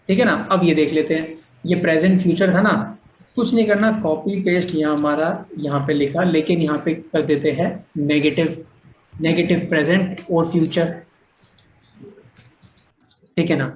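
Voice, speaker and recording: A man's voice: on the high side, measured pace, long pauses, slight background noise. Male teacher for an online class, patient explainer who keeps checking in, slips in English phrases, roomy echo. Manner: mixes English phrases into talk. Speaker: language teacher.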